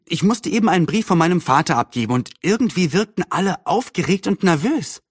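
A man's voice: sits high, lively intonation, fairly quick, breathy edge, no echo, studio quality, voice pushed up. Anne, a man doing a cheerful young girl.

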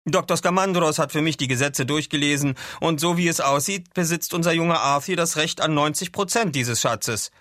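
A man's voice: fairly high pitch, fairly quick, hardly any pauses, fairly bright tone, no echo, studio quality, pitched above the performer's own voice, close to an everyday voice. A man reading aloud and voicing a stern, humourless male second officer.

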